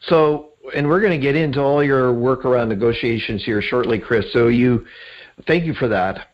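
A man's voice: medium pitch, normal speed. A man hosting an interview, speaking reflectively and conversationally to his guest and listeners. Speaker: podcast host, interviewer. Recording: dull lo-fi podcast audio.

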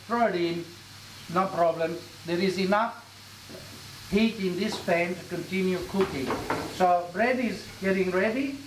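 A middle-aged man with a high voice hosts a cooking show, chatting instructively while he cooks in a commercial kitchen. The room is echoey with faint sizzling, and the background is noisy.

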